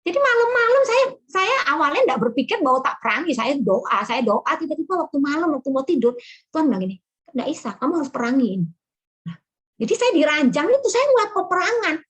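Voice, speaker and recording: A woman's voice: high voice, sing-song, fast talker, fairly bright tone. A middle-aged woman, telling a prayer testimony in a sermon, chuckling and acting out quotes. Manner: storytelling with chuckles and acted quotes. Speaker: prayer minister.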